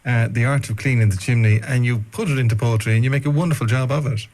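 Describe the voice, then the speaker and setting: A man's voice: mid-range voice, steady tone, fast, a little mellow. A man with a west of Ireland accent hosting a casual, chatty radio interview. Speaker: radio host.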